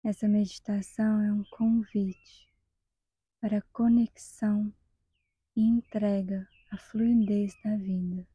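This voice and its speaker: Using a soft, breathy half-whisper, a Brazilian woman guides a meditation at a slow pace with a flat pitch and calm, measured pauses. The sound is close, dry, and lo-fi, with no room sound.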